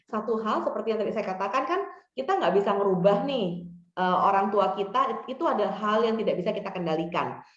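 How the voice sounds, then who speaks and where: Woman counselor, echoey dull recording. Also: medium pitch. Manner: conversational, acts out example dialogues. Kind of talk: workshop talk giving advice.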